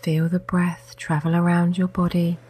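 A woman guiding a meditation in a soft voice, often slipping into a whisper. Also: on the low side, monotone, moderate pace, husky. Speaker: meditation guide. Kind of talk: guided meditation.

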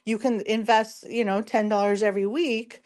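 A woman hosts a casual commentary show with a hoarse, strained voice that sounds worn out. She explains things informally, step by step, and talks straight to the people listening. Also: medium pitch, fairly even intonation, normal speed, darkish tone. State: hoarse, losing her voice. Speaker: show host.

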